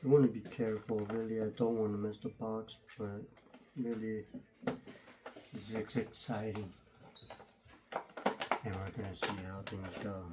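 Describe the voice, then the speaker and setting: A man hosting a casual, unscripted unboxing video, speaking haltingly with his voice slightly muffled through a face mask. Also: fairly low pitch, little pitch movement. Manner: halting, hesitant delivery. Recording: faint background noise, clicks.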